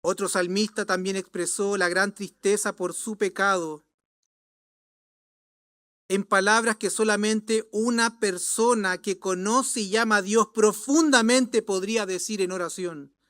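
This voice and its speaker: A male pastor preaching a sermon in an emphatic way, swinging from loud lines to hushed ones. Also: high voice, fairly even intonation, measured pace, dry recording, clean studio sound.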